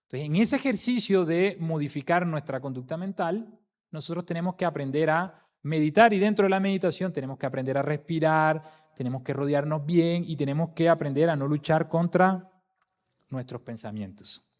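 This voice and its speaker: A man's voice: a little high, normal speed. A man. He is earnest and emphatic, repeating key phrases to drive the point home. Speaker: spiritist lecturer. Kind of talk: motivational spiritual talk to an audience.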